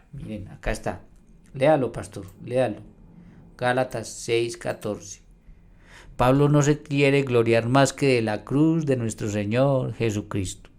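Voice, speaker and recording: Man, Bible teacher, mid-pitched voice, emphatic verse-reading, confronts a rival pastor. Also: darkish tone. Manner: emphatic, reads verses aloud and argues; addresses a rival pastor directly. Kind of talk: video response on scripture.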